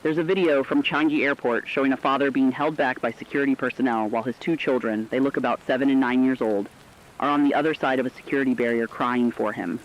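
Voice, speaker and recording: This man speaks quickly in a steady, medium-pitched tone, lightly acting the part of a caring, earnest radio co-anchor. He delivers scripted breaking-news commentary that is emotive, solemn and sorrowful. Faint noise sits under the dull, lo-fi radio sound.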